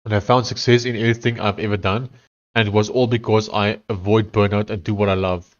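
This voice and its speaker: A man's voice: on the low side, fairly even intonation, brisk. South african guy w afrikaans accent, stuffy nose, chatting on stream, kinda muffled mic. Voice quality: congested, blocked-nose sound. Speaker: live streamer. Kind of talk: casual livestream chat while coding.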